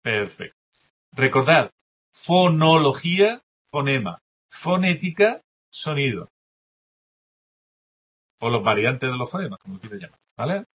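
A man's voice: medium pitch, very animated, unhurried, long pauses, fairly bright tone, breathy edge. A man teaching a language class, explaining test answers and often checking in with students. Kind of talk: classroom lecture going over test answers.

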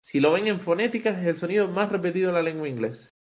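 A man's voice: sits high, fast, highs cut off, noisy background. A man teaching English poetic meter in an online class, talking conversationally and checking in with frequent rhetorical "vale", with some hesitant restarts.

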